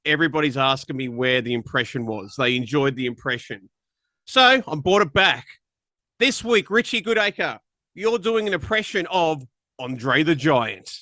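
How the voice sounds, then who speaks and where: Lively, teasing man. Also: medium pitch, moderate pace, no room sound. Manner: joking, teasing. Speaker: podcast host. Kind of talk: casual podcast chat.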